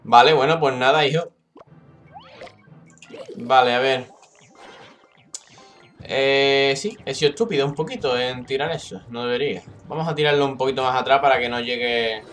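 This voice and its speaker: A young man from commenting live on his own mobile game match, swearing freely, shouting when things get tense and talking to his viewers directly. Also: medium pitch, moderate pace, long pauses. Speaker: gaming YouTuber. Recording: game music behind the voice.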